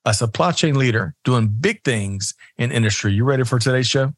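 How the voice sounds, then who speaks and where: A man's voice: mid-range voice, expressive, brisk, no room sound, clean studio sound. A man hosting a talk show, chatty and upbeat as he introduces guests and banters. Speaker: podcast host. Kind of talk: casual interview chat.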